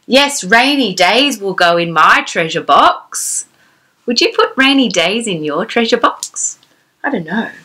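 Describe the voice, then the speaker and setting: A woman in her thirties hosts a children's storytime in a small decorated indoor room, her medium-pitched voice expressive, unhurried and sharp in tone. She reads aloud with an exclamatory, sing-song lilt and puts questions to the young listener.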